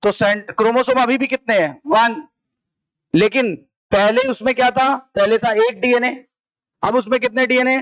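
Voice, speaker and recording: A man with an Indian accent teaches a biology class in a high voice, asking each question several times. The sound is dry and a little dull, as from a plain classroom mic. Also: normal speed, a bit bright, no room sound. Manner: repetitive question-and-answer drilling. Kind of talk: classroom lecture. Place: coaching classroom.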